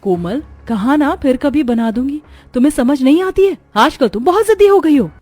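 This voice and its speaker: A mellow, patient young daughter-in-law. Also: male voice, very high voice, lively intonation, moderate pace, dry recording, pitched above the performer's own voice. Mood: stern. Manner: polite, pleading. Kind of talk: storybook narration.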